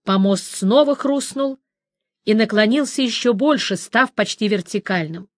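Measured woman reading a fantasy audiobook. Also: mid-range voice, no room sound, studio quality. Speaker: audiobook reader.

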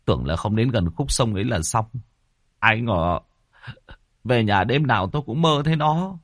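A man voicing a jumpy, quick-tempered older man who talks in a rushed, agitated way. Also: fairly low pitch, expressive, fairly bright tone, no echo, studio quality. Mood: frightened.

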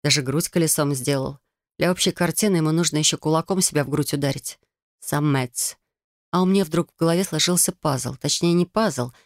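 Gravelly, sardonic woman reading an audiobook. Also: sits low, brisk, no echo, clean studio sound. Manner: sardonic and sarcastic. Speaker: audiobook narrator. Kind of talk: first-person fantasy romance narration.

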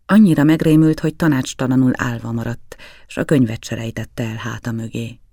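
A man reading a novel aloud in the first person, with a measured, grave literary delivery. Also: medium pitch, fairly even intonation, gravelly, warm tone, dry recording, clean studio sound. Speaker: audiobook narrator.

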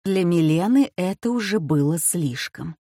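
A woman narrating a storybook in an expressive reading voice. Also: fairly low pitch, measured pace, no room sound, studio quality.

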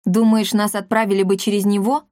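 A woman's voice: medium pitch, flat delivery, brisk, a little mellow, dry recording, clean studio sound, close to an everyday voice. A woman voicing a skeptical young male companion who questions things. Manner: doubtful, questioning.

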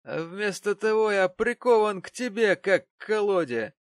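A man's voice: high voice, expressive, normal speed, no echo, studio quality, pitched above the performer's own voice. A man voicing a sneering drunken husband. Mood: contemptuous. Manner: snarling, contemptuous. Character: cruel drunken young husband, sneering and spiteful. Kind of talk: audiobook character voice.

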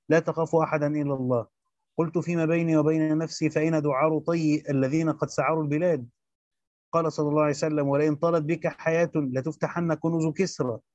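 A man reading a Quran commentary aloud as a teacher, rushing through the text and stopping for short explanations. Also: on the high side, darkish tone, no room sound, dull audio. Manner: rapid recitation with brief spoken explanations.

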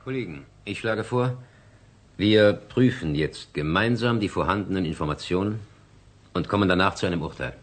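A man's voice: deep voice, moderate pace, background noise, lightly acted. An actor playing an authoritative male space station chief who leads a meeting with probing questions, in a radio drama. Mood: stern.

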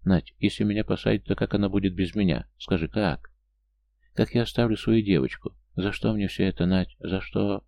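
A man's voice: low-pitched, animated, fast, gravelly, mellow, no room sound. A male audiobook reader voicing a frightened young single mother, pleading and close to tears. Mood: despairing. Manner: anxious, pleading, tearful.

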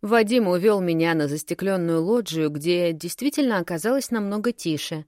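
A woman narrating a first-person story for an audiobook, telling it in a lively, expressive way. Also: on the low side, normal speed, no room sound, clean studio sound.

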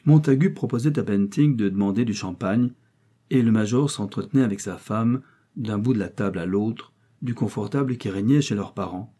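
A man reads a classic novel aloud in a measured, steady way. His voice is low, very dark and mellow, with a husky edge. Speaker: audiobook narrator. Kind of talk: scripted narration of a classic novel.

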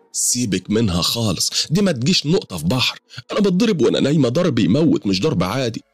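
A man voicing a distressed middle-aged woman with an Egyptian accent, pleading for help in a high, strained, tearful voice. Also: slightly rough, no room sound. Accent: Egyptian Arabic.

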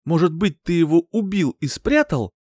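A man voicing a frantic, furious woman, a grieving mother, in an audiobook, shouting in fierce, high cries. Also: animated, moderate pace, husky, no echo, clean studio sound. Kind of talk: audiobook character voice.

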